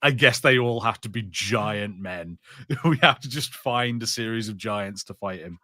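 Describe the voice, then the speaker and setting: A podcast co-host with a lowish, pushed and bright voice keeps a moderate pace as he jokes and swears freely in casual watch-party talk about films. There's no room sound.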